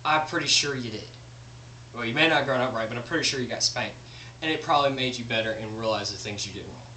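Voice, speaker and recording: A man's voice: medium pitch, fast talker, pushed and bright. A young man vlogging a blunt, profane rant. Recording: roomy echo, distant mic, faint hum.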